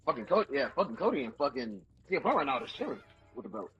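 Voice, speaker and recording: A man's voice: mid-range voice, big pitch swings, racing, a bit bright, lo-fi sound. A man in a casual stream chat, rambling, repeating himself and swearing often.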